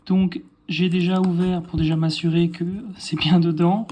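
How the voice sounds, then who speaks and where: A man's voice: high voice, level tone, normal speed, a little mellow. A man casually chatting through an unboxing video, thinking aloud and correcting himself as he goes. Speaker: card collector showing a purchase.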